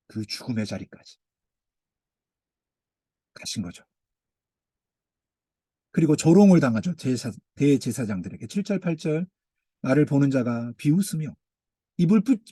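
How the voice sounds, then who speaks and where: Male pastor, high and very lively voice, dramatic sermon delivery, dry close sound. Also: slightly rough, dry recording. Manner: dramatic, swings from loud pleading to hushed near-whisper. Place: church.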